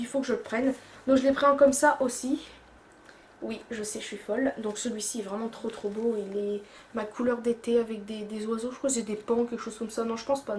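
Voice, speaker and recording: A woman's voice: a little high, a little mellow. Chatty young woman gushing in an echoey room. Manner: chatty and gushing, repeats "j'adore", many fillers. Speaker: YouTuber. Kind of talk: casual haul vlog. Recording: echoey room with faint background hum.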